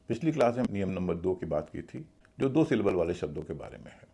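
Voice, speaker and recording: A man's voice: on the low side, vocal fry, warm tone, husky. A man teaching English pronunciation in a video lesson, spelling out words letter by letter and repeating each pronunciation patiently.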